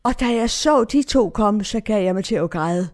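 A woman's voice: mid-range voice, expressive, darkish tone. A woman giving a personal faith testimony in an emotional way, her tone swinging widely.

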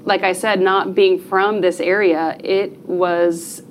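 A woman's voice: medium pitch, flat delivery, slow pace, a little hiss or hum. A woman from New Jersey answering questions as a podcast guest in an earnest, conversational way. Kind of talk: podcast interview.

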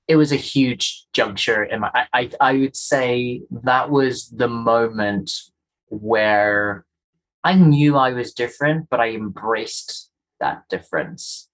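A man's voice: mid-range voice, takes it slowly, fairly bright tone, rough recording. A man from Kenya with a faint, polished Kenyan accent, a guest speaking earnestly and emphatically about his own experience in an interview. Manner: earnest, emphatic, repeats key phrases. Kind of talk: reflective interview talk.

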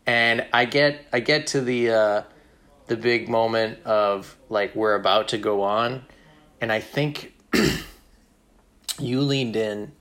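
A man's voice: mid-range voice, takes it slowly, a bit bright. Guy chatting, tells a funny backstage story, laughs a lot, acts out what people said. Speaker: comedian guest. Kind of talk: casual chat, telling a story.

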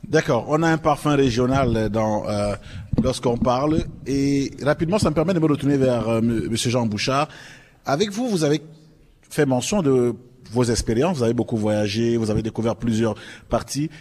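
Male moderator asking halting questions. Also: medium pitch, a little mellow. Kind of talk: moderating a panel.

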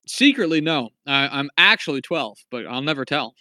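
Man, podcast co-host, bright tense voice, rambling casual film talk, dry close sound. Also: fairly high pitch, very animated, unhurried, dry recording. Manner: rambling, frequent fillers, wry asides. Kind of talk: casual movie review chat.

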